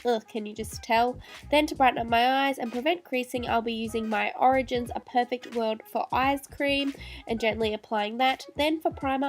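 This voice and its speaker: A woman talks through a makeup tutorial, her voice nasal and stuffed up from a cold. Her voice sits a little high, and she keeps up a chatty flow with apologetic asides. Soft music plays faintly underneath. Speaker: beauty vlogger.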